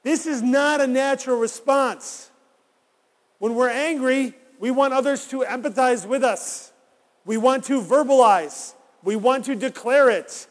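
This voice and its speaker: In a big church hall where long reverb follows every word, a high-voiced male pastor delivers a sermon at a measured pace. His manner toward the congregation is conversational, and rhetorical questions come again and again.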